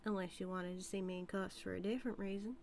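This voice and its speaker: Fast-talking and only lightly acted, a woman voices a Southern-accented outlaw cowgirl who is flirty, dominant, teasing and sly, drawling her way through a scripted audio roleplay of intimate character acting. Her pitch is medium with fairly even intonation and a darkish tone, and there's slight background noise.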